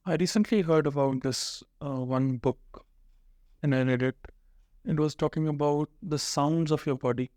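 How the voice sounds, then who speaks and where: A man's voice: on the high side, normal speed, a little mellow, dry recording, clean studio sound. A man hosting a podcast, thoughtfully bringing up something he read and asking about it. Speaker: podcast host. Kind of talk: casual conversation.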